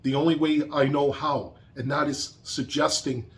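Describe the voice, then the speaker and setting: A man's voice: on the high side, fairly even intonation, moderate pace. Angry cursing man ranting on a vlog. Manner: angry, profane, heated; repeats himself for emphasis. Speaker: vlogger.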